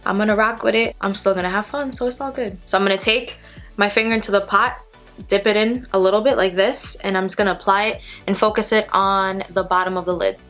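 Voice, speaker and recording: Woman, beauty vlogger, casual tutorial style, chatty and direct to viewers, medium pitch, background music. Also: fairly even intonation, fast talker, a bit bright. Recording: music playing behind the voice.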